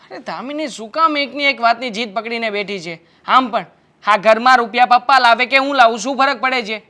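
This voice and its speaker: A man's voice: very high voice, brisk, pushed and bright. A man playing a carefree young husband. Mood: dismissive. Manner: breezy, dismissive. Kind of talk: family drama acting.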